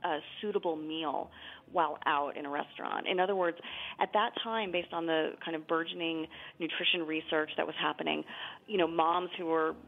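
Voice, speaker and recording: Gravelly low-voiced woman author over a phone line. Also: steady tone, moderate pace. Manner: chatty, explanatory, frequent fillers. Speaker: author guest. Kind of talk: conversational interview.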